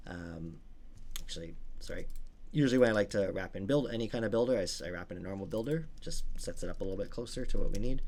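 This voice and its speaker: A man with a deep, darkish voice works as a tutorial instructor, giving a casual coding walkthrough. He explains each step informally as he works.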